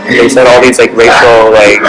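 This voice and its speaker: A man's voice: medium pitch, flat delivery, a little fast, low-quality recording. Young man, student interviewer, hesitant, many ums, music in background. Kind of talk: casual class interview.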